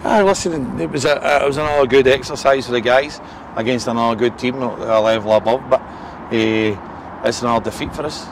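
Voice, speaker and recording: Scottish man, forties, football manager, frank, restarts and fillers, outdoor pitch-side recording, traffic noise. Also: steady tone, brisk, rough recording. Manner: frank, repeats words, fillers like eh and listen. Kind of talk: post-match interview.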